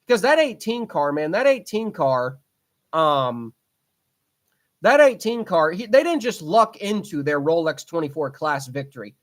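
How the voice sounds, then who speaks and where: A man in his 20s hosts a casual solo podcast, his voice a little on the high side and a bit bright. He rambles with frequent ums, fillers, and restarts, talking with a fan's eager enthusiasm.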